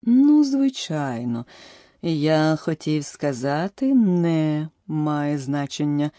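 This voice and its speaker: Woman doing a slow pompous old king. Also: sits low, very animated, mellow, no echo, studio quality, heavily acted. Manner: slow and ponderous. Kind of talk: audiobook character voice.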